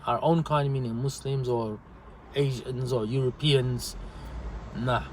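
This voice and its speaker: A man, a delivery driver, giving earnest, repetitive advice and animated stories in a casual livestream. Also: medium pitch, measured pace, slight background noise, poor audio.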